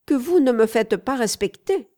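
A woman voicing a prim well-bred young lady, higher and lifted. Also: lively intonation, a little slow, darkish tone. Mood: indignant. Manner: prim, indignant. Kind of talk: audiobook character reading.

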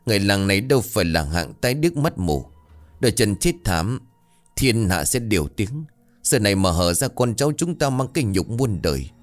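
A frightened older wife begging her husband to stop his evil, as a male narrator puts her on. Her voice trembles and wavers, pleading through tears, with wide shifts in pitch. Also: big pitch swings, moderate pace, faint music behind.

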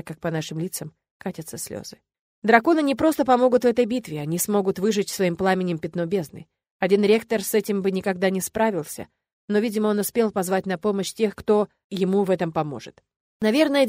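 A woman narrating a first-person fantasy audiobook in an expressive, lively way. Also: mid-range voice, no echo. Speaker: audiobook reader.

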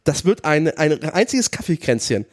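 A man's voice: a little high, big pitch swings, moderate pace. A man in casual chat as a podcast co-host, with a teasing way of talking.

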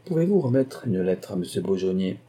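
A gruff, penny-pinching country gentleman who grumbles and bargains bluntly, as a male audiobook reader voices him. The tone sits low and dark with a husky grain. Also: very animated, fairly quick, heavily acted. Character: gruff, stingy provincial gentleman.

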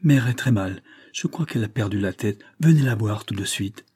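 A man's voice: on the low side, expressive, normal speed, a little mellow, slightly rough, dry recording. A man reading aloud voices a frightened young girl urgently begging the doctor to come. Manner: urgent, breathless pleading.

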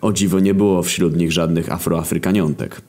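A man narrates a story in a deadpan, crude voice. His tone is very deep and low. He reads from a script at an even, unhurried pace.

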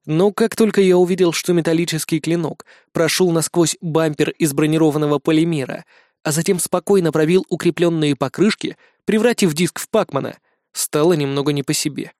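A man's voice: fairly high pitch, brisk, a little mellow, no room sound. A man reading a first-person adventure audiobook in a dry, wry manner. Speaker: audiobook narrator.

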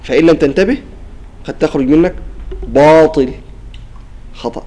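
A man leads a recitation class, his voice mellow and fairly high. He explains each rule patiently, sounds out the words to demonstrate them, and keeps checking that the students follow. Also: a little fast, poor audio. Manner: explains and asks "clear?" often, demonstrates pronunciations. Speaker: Quran recitation teacher. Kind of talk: classroom lesson on tajweed.

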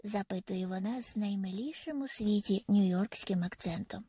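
A woman narrating a first-person audiobook in a soft, intimate manner that often drops to a half-whisper. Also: mid-range voice, normal speed, breathy edge, no room sound, studio quality.

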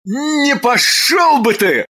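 A woman voicing a hot-tempered young king in an audiobook, with a loud, blunt way of talking. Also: low-pitched, sing-song, heavily acted. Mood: angry. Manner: loud, blunt, quick to anger. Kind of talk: audiobook character voice.

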